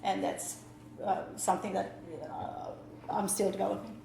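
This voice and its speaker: Presenting at a workshop, this woman teacher has a medium-pitched, mellow voice with vocal fry, an even tone, and a normal speed, though she uses many fillers and restarts. The conference talk takes place in a lecture room, and the recording is echoey with slight noise.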